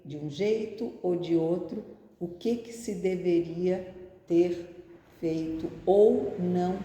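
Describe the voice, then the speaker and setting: A woman's voice: fairly low pitch, dark tone. A woman giving a reflective spiritist talk, often asking rhetorical questions. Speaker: spiritist speaker. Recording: echoey hall.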